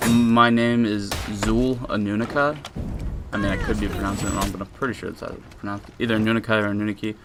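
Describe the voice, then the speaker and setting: A man's voice: lowish voice, noisy background. A young man rambling casually through a voice-over commentary on his own game footage, with lots of fillers and restarts. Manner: rambling and laid-back, with many fillers and restarts.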